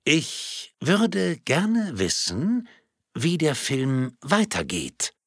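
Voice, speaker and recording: A man voicing a calm, composed woman in a cinema audience who speaks in measured, precise sentences. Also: fairly high pitch, no echo, clean studio sound, pitched above the performer's own voice, heavily acted.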